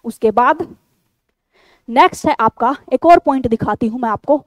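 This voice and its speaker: A woman's voice: high voice, moderate pace, dry recording, rough recording. A woman tutoring exam candidates online, talking straight to her viewers in a firm, insistent way and repeating her key points. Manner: addresses viewers as a group. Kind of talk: direct-to-camera instructional talk.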